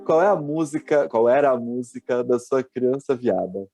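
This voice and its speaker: A man's voice: medium pitch, lively intonation, normal speed, gravelly, over loud music. A male host, telling stories in casual chat and often restarting his sentences. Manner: chatty, hesitant restarts. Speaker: podcast host.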